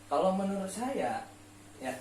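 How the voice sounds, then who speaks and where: A man with a high-sitting, somewhat dark voice talks unhurriedly, his pitch swinging widely, as the main speaker on a late-night discussion show. He chats casually about faith and life, explaining things, posing rhetorical questions, and repeating key words for emphasis. The recording has a roomy echo, a distant mic, and faint noise.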